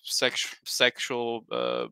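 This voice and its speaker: A man's voice: mid-range voice, very animated, drawn-out words, pushed and bright, smooth, no room sound. A young man from Slovakia, a native Slovak speaker, speaking earnestly on a headset in a casual online panel, hesitant with many fillers and restarts. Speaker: panel guest. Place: home room.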